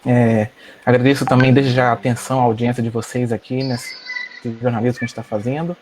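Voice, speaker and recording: Young brazilian guy hosting an online talk, kinda formal n halting, mid voice, bit of background noise. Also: medium pitch, level tone. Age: young adult. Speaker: student co-host introducing the guest. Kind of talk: formal but unscripted introduction. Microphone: video call. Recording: noisy video call.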